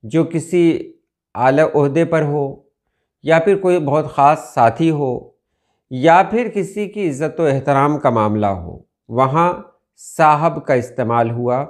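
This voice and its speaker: An Urdu teacher from India, a man with a slightly high voice, unpacks word meanings from dictionaries. He speaks unhurriedly and keeps repeating important words.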